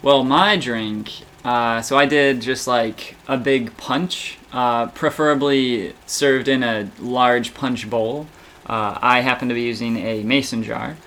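A man in casual chat, talking haltingly with frequent stammers, restarts and fillers. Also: medium pitch, steady tone, a bit bright, slight background noise.

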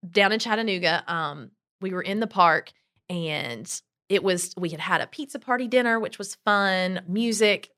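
A woman talking as a podcast guest, telling stories in an informal, animated and emphatic way. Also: medium pitch, normal speed. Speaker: podcast guest, travel business owner. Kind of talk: conversational interview storytelling.

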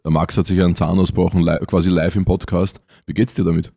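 A man's voice: low-pitched, flat delivery, fast, creaky, warm tone, dry recording, clean studio sound. A man co-hosting a casual podcast, telling playful stories and acting out quotes. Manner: playful storyteller, acts out quotes in funny voices. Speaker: podcast co-host.

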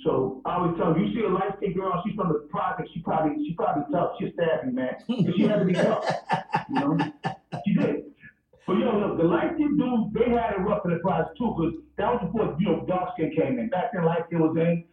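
This stand-up comedian has a brisk voice that sits high, and he's chatting casually over a video call while telling stories. Full of energy, he performs character voices and even dog noises. The sound comes through distant and echoey, like a phone line.

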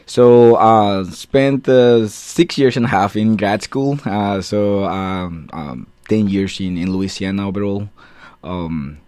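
This radio guest is an assistant professor from Guatemala, a man in his thirties with a deep voice and plain English. He speaks slowly, with a darkish, smooth tone, and responds to questions haltingly with lots of fillers. The sound is dry, without any room sound.

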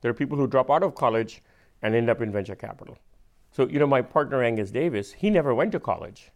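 A man with an Indian accent, a venture capitalist, explaining things patiently and with measured emphasis in casual conversation. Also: medium pitch, animated.

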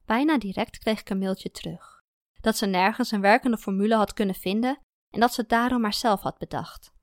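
Calm female audiobook narrator, dry sound. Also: mid-range voice, brisk, dry recording. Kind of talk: first-person audiobook narration.

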